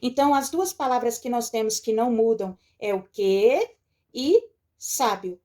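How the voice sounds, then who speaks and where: Patient schoolteacher explaining slowly. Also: female voice, on the high side, lively intonation, dark tone. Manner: patient, explanatory, checks in with "certo?" and "tá?". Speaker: teacher. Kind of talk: recorded remote lesson walking through a textbook.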